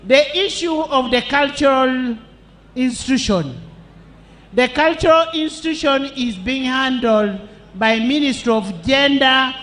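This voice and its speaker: A Ugandan-accented man giving a rousing political rally speech in emphatic, deliberate short bursts. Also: extremely high pitch, sharp tone, poor audio. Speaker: political speaker welcoming the president. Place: political rally, speaking through a microphone.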